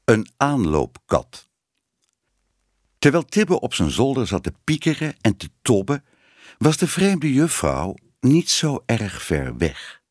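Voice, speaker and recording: A man reading a children's story aloud with an expressive, lingering storyteller delivery. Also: mid-range voice, takes it slowly, dry recording, studio quality. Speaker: audiobook narrator.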